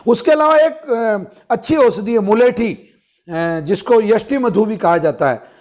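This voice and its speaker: A man giving an informal Ayurvedic health talk, explaining step by step with frequent pauses and fillers. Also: high voice, lively intonation, a little mellow. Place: ashram.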